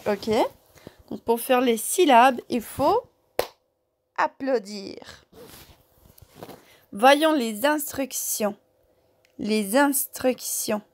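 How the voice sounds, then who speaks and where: A woman teaching a workbook lesson to young children, speaking slowly, repeating words and syllables and checking in with "ok?". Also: a little high, expressive.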